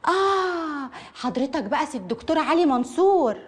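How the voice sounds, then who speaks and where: A woman's voice: high voice, lively intonation, fairly quick. A sassy Egyptian clinic woman. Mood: suspicious. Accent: Egyptian Arabic. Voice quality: sassy, bristling. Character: sharp-tongued woman at a clinic.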